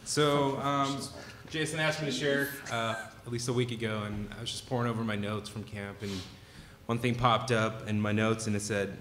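A young man sharing a relaxed, easygoing testimony at a stand mic on a church stage. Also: mid-range voice, moderate pace. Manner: relaxed, easygoing, some restarts. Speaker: youth leader sharing at church. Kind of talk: casual testimony. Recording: echoey church hall, faint noise.

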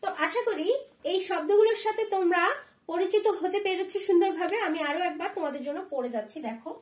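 A woman teacher giving a spelling lesson to children, spelling words out slowly syllable by syllable. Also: very high voice, a little mellow.

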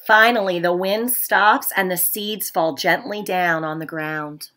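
Sitting in a room at home, a teacher in her thirties reads a picture book for young kids in a low-leaning, unhurried voice. A laptop webcam records her gentle, expressive storytelling.

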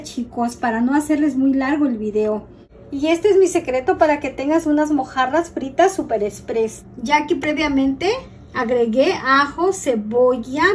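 Chatty high-voiced Mexican woman. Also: slight background noise. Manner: chatty, frank, addresses viewers as friends. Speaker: cooking channel host. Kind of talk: casual cooking tutorial.

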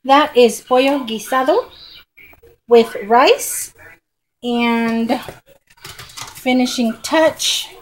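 A middle-aged woman with a drawl, talking her viewers through a home recipe in a relaxed, folksy way and calling them y'all. Her voice sits fairly high for a woman. A camera on the kitchen counter picks her up close, with a faint hiss of noise underneath. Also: very slow, long pauses, low-quality recording. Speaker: home cooking vlogger. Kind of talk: casual cooking demonstration.

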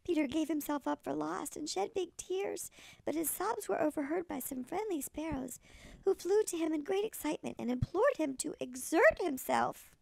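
Older woman, sweet old lady manner, very creaky high voice, expressive storybook narration. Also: moderate pace, no room sound, poor audio. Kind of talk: expressive children's storybook reading.

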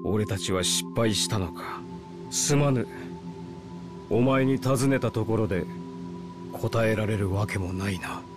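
A man's voice: on the low side, unhurried, long pauses, close to an everyday voice. An actor playing a solemn, proud male spirit in a video game, speaking in formal, old-fashioned warrior phrasing. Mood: grave regret. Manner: grave, formal archaic phrasing. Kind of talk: Japanese RPG cutscene voice acting. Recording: game soundtrack music behind.

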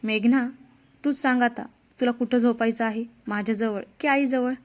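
A woman's voice: fairly high pitch, fairly even intonation, moderate pace, lightly acted. A woman voicing a childish young husband. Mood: pleading. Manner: pleading, rising insistence. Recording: dull lo-fi sound.

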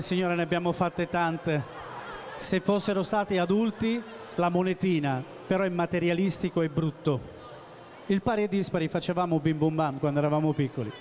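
Hosting a live quiz in a busy indoor shopping centre atrium, an Italian man with a high-sitting, slightly mellow voice announces with suspense and projects short, repeated commands at the children. He speaks to them and the audience through a handheld microphone over PA music and crowd noise.

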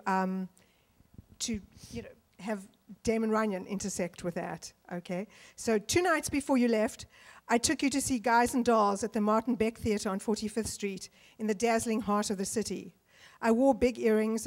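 A woman from South Africa reading passages from her novel aloud on a panel, pausing with many fillers between readings, into a handheld mic in a large auditorium. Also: mid-range voice, darkish tone.

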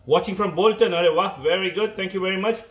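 A man's voice: high-pitched, fast talker. Indian-accented man in an echoey kitchen. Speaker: cooking livestream host. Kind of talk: casual live cooking chat with viewers. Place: home kitchen, indoors. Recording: echoey room, phone mic.

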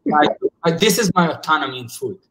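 A psychologist in his forties talks earnestly on a casual video call from home, using a laptop webcam. His fairly high voice is brisk with lively intonation, and he often restarts sentences while searching for words. Background noise is audible.

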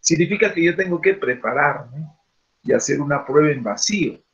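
A man leads an online class. He rambles along in a slightly high, gravelly voice, filling pauses with "este" and asking rhetorical questions. The video call audio sounds dull and lo-fi. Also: animated. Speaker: teacher leading an online class.

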